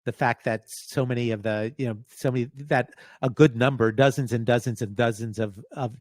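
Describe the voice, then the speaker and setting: A middle-aged man being interviewed as a professor, speaking gravely in halting bursts, restarting phrases as he searches for words. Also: mid-range voice, steady tone, darkish tone, no echo. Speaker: guest, professor. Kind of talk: remote interview conversation.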